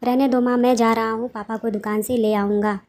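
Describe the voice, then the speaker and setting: A cheeky younger brother needles his family, as a woman narrator puts him on. The voice is somewhat high and level, with a teasing tone. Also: flat delivery, a little fast, darkish tone, a little hiss or hum, close to an everyday voice.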